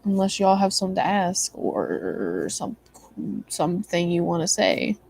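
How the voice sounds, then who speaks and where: A woman's voice: on the low side, sing-song, measured pace, creaky, darkish tone, breathy edge. A tired young woman chatting casually with her stream viewers, rambling with many likes and ums. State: tired, yawning. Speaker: livestream host.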